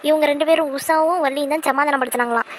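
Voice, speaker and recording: A woman's voice: high voice, fairly even intonation, racing, a little hiss or hum, lightly acted. Woman doing an eager gossiping neighbour.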